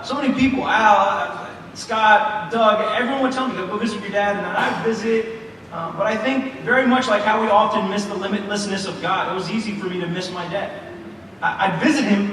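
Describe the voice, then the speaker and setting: Heard from a distance in an echoey church hall, a man in his thirties tells a personal story during his sermon, with frequent fillers and restarts. He has a high-pitched, somewhat bright voice, and there's slight background noise.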